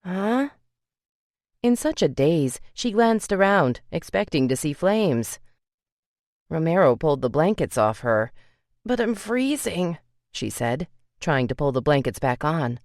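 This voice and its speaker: A woman reading a romance audiobook in a steady, even storytelling voice. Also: low-pitched, a little slow, dry recording, clean studio sound. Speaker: audiobook narrator. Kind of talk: scripted romance narration.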